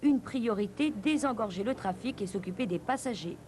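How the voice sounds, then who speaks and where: A woman's voice: a little high, expressive, moderate pace, darkish tone, slight background noise. A woman reading a scripted television news report as a reporter.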